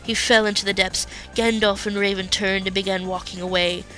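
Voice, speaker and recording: A woman's voice: mid-range voice, little pitch movement, fairly quick, bright, forceful tone, faint music behind. A woman reading fan fiction aloud in plain storytelling. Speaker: reader.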